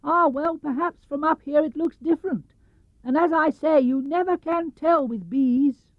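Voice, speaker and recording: A man voicing an earnest, naive toy bear who plots in slow, deliberate phrases for a storybook reading. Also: very high-pitched, no room sound, voice pushed up. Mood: anxious, hopeful. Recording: muffled vintage cassette or LP sound.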